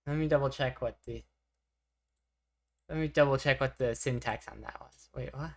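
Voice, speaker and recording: A woman's voice: rumbling low, moderate pace, darkish tone. A young woman streaming live, chatting casually with her chat, rambling and poking fun at herself. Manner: rambling, self-deprecating, reacting to chat.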